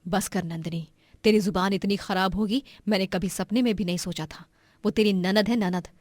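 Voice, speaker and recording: A woman's voice: medium pitch, steady tone, moderate pace, darkish tone, no room sound, close to an everyday voice. A woman voicing a stern middle-aged mother who scolds her daughter in a cartoon story. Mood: stern scolding.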